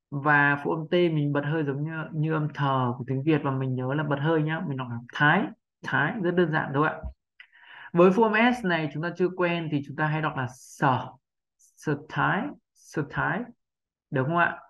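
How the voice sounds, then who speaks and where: A pronunciation teacher giving a lesson in a patient, unhurried way, drilling each syllable slowly and repeating it, and often checking in with the listeners. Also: medium pitch, muffled recording. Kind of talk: instructional narration.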